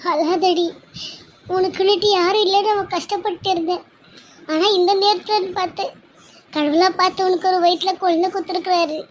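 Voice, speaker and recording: A woman's voice: very high voice, steady tone, fairly quick, a little hiss or hum, low-quality recording. A woman voicing an anxious, doting middle-aged mother in a cartoon serial, fussing over and consoling her daughter.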